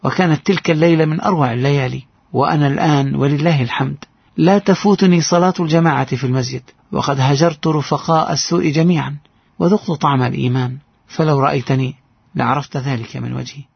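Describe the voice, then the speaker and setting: A man's voice: fairly high pitch, fairly even intonation, quick pace, creaky, slightly rough, no echo, highs cut off. A man narrating a heartfelt first-person story in an earnest voice.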